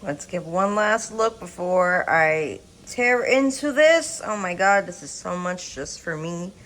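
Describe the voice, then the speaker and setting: A woman's voice: on the low side, takes it slowly, reverberant, rough recording. Chatty, foul-mouthed woman cooking at home. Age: 30s. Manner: chatty, swears freely, relaxed and candid. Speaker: cooking vlogger. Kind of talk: casual cooking chat. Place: home kitchen.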